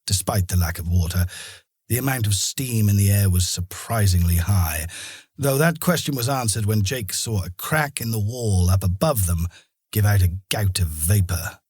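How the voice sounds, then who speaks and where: A man narrating a fantasy audiobook in a steady storytelling manner. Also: fairly low pitch, moderate pace, slightly rough, dry recording, studio quality. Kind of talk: scripted narration.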